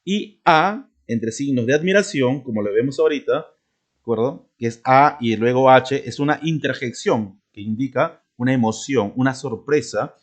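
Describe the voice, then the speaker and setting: A man's voice: medium pitch, normal speed. A man teaching a spelling lesson to students, checking often whether they follow. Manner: addresses students, checks with frequent "¿de acuerdo?" and "¿no?".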